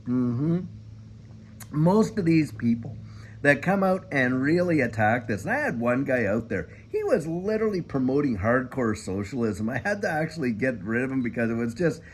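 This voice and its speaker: A man's voice: mid-range voice, very animated, moderate pace, a little hiss or hum. An older man from Canada hosting a casual morning coffee chat, folksy and emphatic, often repeating "I'll tell you what". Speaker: commentary channel host. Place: home, living in the US.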